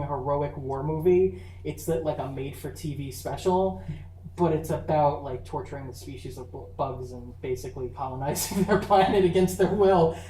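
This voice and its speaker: A convention panel presenter giving a casual, chatty talk on film, full of fillers and quick laughs. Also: mid-range voice, mellow. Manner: enthusiastic, chatty, laughs often, many fillers. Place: university convention room. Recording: echoey room, far mic, faint hum.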